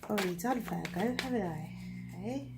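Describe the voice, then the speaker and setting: Over loud music, a British tarot reader talks to camera in a chatty, think-aloud manner while congested from a cold. She speaks briskly and expressively in a medium-pitched voice with some vocal fry.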